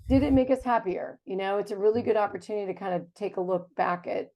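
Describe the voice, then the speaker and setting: A woman's voice: mid-range voice, fast, mellow. A woman in her fifties from the United States, hosting a casual video chat in a chatty, enthusiastic way. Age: 50s. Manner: chatty and enthusiastic, with fillers and laughs. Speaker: host.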